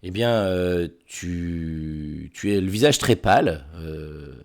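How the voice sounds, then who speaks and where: Gravelly low-voiced game master. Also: male voice. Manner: halting, repeats words and fills with "euh". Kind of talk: narrating a tabletop role-playing game.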